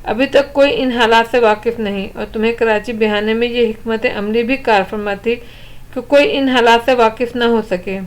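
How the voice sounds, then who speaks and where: A woman voicing a loving, anxious middle-aged mother in a storybook reading, speaking softly and soothingly. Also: a little high, steady tone, lightly acted. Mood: tender.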